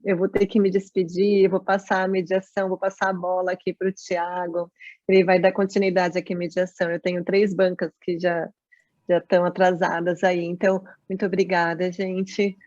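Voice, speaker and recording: A woman, a seminar moderator, speaking quickly and friendly on a video call. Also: fairly low pitch, flat delivery, darkish tone, no room sound, lo-fi sound. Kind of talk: casual farewell on a video call.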